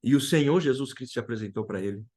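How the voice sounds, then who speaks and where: A man's voice: mid-range voice, fast talker, a little mellow. A man from Brazil sharing an emotional personal testimony as a guest, retelling dialogue and repeating key phrases.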